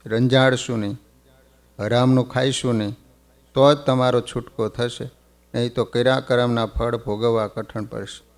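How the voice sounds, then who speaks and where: A man's voice: mid-range voice, little pitch movement, moderate pace, lightly acted. A man voicing a stern divine lord. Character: commanding divine lord addressing robbers, male.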